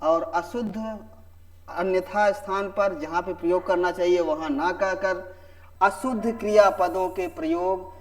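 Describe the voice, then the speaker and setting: Slow, high-voiced male Hindi teacher. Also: fairly even intonation, a little mellow. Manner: repeats key phrases slowly, addresses students as children. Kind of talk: classroom grammar lesson.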